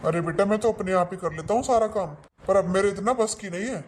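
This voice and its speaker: Skit figure: mid-pitched voice as a grumbly older father-in-law, easygoing, faint hiss. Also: fairly quick, close to an everyday voice. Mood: coaxing. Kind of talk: family comedy skit.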